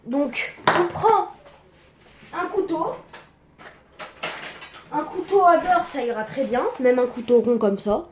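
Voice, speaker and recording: A young woman giving a casual cooking tutorial in her home kitchen, chatty and quick to joke about herself. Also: high-pitched, background noise. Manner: chatty, joking, self-mocking asides.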